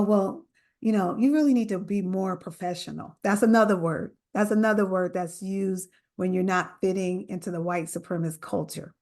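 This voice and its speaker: A middle-aged woman from New Jersey, an author speaking earnestly and emphatically in an interview. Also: lowish voice. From New Jersey, USA. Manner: earnest, emphatic, quotes others in animated voices. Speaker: author guest. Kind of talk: interview conversation.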